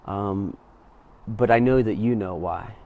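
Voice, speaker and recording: A man speaking to an audience, telling a personal story and then urging listeners on, swinging between hushed and emphatic. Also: fairly low pitch, slow, phone-quality sound. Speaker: motivational speaker. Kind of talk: inspirational talk to an audience.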